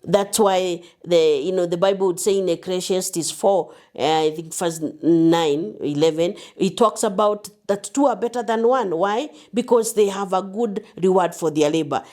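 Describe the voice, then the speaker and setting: A woman's voice: mid-range voice, a little slow, hardly any pauses, a little mellow. A woman counselor giving an earnest, reflective talk on abuse, telling personal stories and quoting scripture. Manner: earnest, anecdotal, quotes scripture. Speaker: counselor and speaker.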